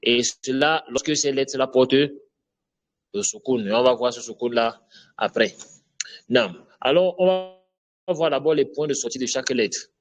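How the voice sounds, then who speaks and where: Male teacher, mid pitch, patient and repetitive, online lesson, checks understanding often. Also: measured pace, pauses often, dull audio. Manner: patient, repeats letter sounds, checks with "d'accord?". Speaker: Arabic teacher.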